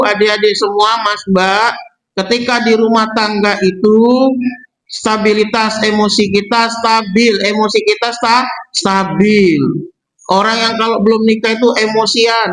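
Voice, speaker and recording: A male preacher with a Javanese accent delivers a sermon in a mosque, speaking in a fairly high voice. He keeps putting rhetorical questions to his listeners. He often cuts a word short and then repeats it in full for emphasis. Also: sharp tone, poor audio. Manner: asks the congregation rhetorical questions; breaks off and repeats words for emphasis.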